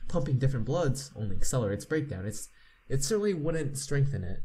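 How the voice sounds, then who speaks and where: With a medium-pitched, warm and very animated voice, a man hosts a game playthrough, reading its text aloud between asides. He reads haltingly, often stumbling and repeating words he gets wrong.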